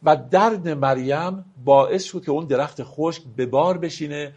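A man teaching classical poetry, reciting verses slowly and explaining them plainly, sometimes asking his listeners questions. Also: fairly high pitch, darkish tone, highs cut off.

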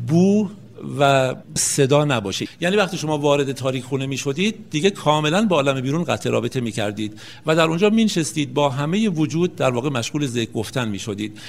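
A man lecturing in a calm, explanatory way, with a voice that sits a little higher than most men's. He works through his points one at a time and slows right down when he recites poetry. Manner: slows down to recite classical verse. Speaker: lecturer on Rumi and Sufi practice. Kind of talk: spoken lecture with storytelling.

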